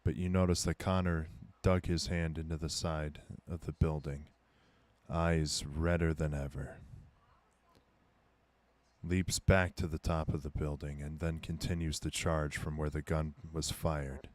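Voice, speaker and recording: A man's voice: extremely low pitch, level tone, measured pace, darkish tone. A man running a tabletop game as game master, narrating a violent scene in grim, dramatic tones. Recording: faint background music.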